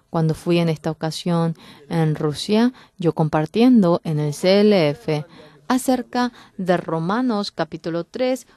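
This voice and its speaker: A woman interpreting a church sermon, speaking fervently with sudden loud, emphatic bursts. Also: on the low side.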